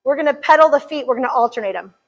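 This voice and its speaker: Sitting high and racing along with lively intonation, a woman instructs a live chair yoga class, cracking jokes while counting reps and sometimes sounding out of breath. It's a low-quality recording.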